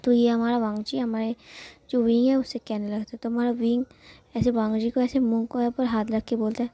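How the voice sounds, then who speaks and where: A woman's voice: on the high side, level tone, brisk, warm tone, dry recording. Chatty woman retelling a story. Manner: chatty, repetitive fillers. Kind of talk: casual retelling of a fan story.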